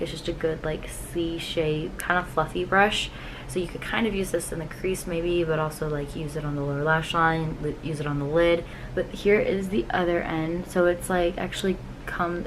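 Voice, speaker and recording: A woman's voice: deep voice, noisy background. A woman talking informally to camera in a makeup tutorial, with casual first impressions and frequent filler 'like'. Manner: informal and chatty, frequent 'like', gushing asides. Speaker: makeup vlogger. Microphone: recording herself on camera with a ring light. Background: music.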